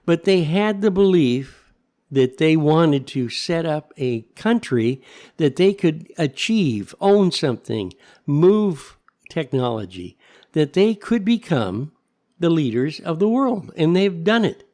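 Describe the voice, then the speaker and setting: A man's voice: a little high, big pitch swings, slow, dark tone. Old american guy ranting like back in my day, rambling politics, sarcastic asides and rhetorical questions. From United States. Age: older. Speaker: commentator. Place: kitchen at home.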